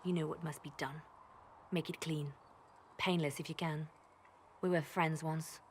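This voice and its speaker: A woman's voice: low voice, fairly even intonation, a little slow, slight background noise. An actress playing a cold, ruthless woman spymaster in a video game, clipped and commanding. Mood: stern.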